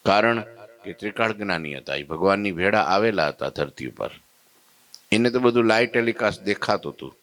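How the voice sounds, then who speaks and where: Low-voiced preacher. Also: male voice, a little fast. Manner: lively storytelling with rhetorical asides to the audience. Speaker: temple katha preacher. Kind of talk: devotional sermon storytelling.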